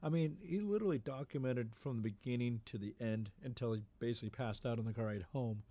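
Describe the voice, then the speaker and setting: A man co-hosting a podcast, chatting casually about football in a relaxed, rambling way with frequent ums. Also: mid-range voice, fast, no room sound. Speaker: podcast co-host. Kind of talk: casual sports chat.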